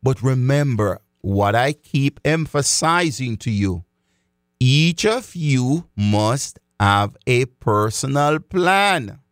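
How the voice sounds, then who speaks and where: A man's voice: mid-range voice, lively intonation, takes it slowly, dry recording, studio quality. A man giving a direct talk to his audience as a financial educator, speaking emphatically, repeating key phrases and calling his listeners folks.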